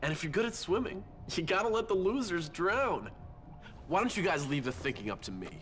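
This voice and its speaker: An actor playing a manipulative teenage schoolboy bully in a video game, mocking and theatrically sarcastic. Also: male voice, high voice, very animated, fairly quick, fairly bright tone, a little hiss or hum. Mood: smug, taunting.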